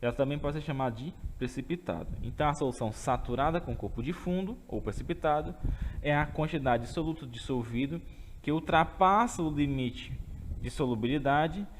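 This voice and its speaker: A man's voice: a little high, fairly quick, in a large hall, a little hiss or hum. A man teaching a remote chemistry lesson with a Brazilian Portuguese accent. He explains step by step and often checks in with his students. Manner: explains step by step, keeps asking "tá certo?".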